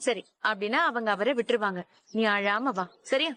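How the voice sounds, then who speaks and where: A woman's voice: mid-range voice, normal speed, sharp tone, lightly acted. An actress playing a loving mother who comforts and reasons with her crying child. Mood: soothing. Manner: soothing, coaxing. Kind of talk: TV serial acting.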